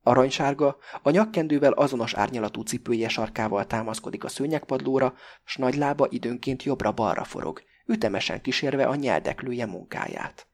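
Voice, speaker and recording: A man narrating an audiobook in a measured, expressive reading style. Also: medium pitch. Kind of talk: scripted narration.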